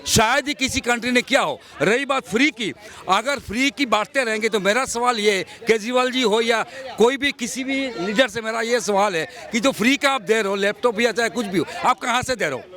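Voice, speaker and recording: A man's voice: very high-pitched, brisk, bright, forceful tone. Argumentative man in his fifties from Assam. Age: 50s. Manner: argumentative, insistent, lecturing. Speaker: passerby interviewed on the street. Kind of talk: street interview.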